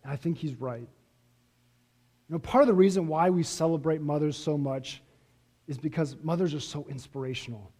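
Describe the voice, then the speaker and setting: A man preaching a sermon as pastor, earnest, pressing his points and then letting them fall away softly. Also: on the high side, normal speed, long pauses. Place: church sanctuary. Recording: reverberant church hall.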